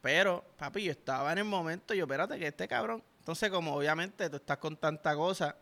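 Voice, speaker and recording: An excitable young man with a Puerto Rican accent, reacting out loud to a track he hears through headphones. His voice sits fairly high and rings bright and forceful. He talks with heavy emphasis and swears constantly. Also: a little fast. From Puerto Rico. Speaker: music reactor. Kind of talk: reaction commentary. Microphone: headphones while listening.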